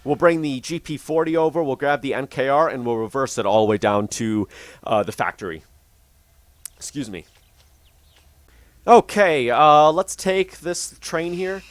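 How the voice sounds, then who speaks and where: A man's voice: on the high side, animated, moderate pace, dry recording. A man hosting casual gameplay commentary on a train simulator, chatting, thinking aloud and talking to his train while he has the hiccups. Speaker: gaming channel host.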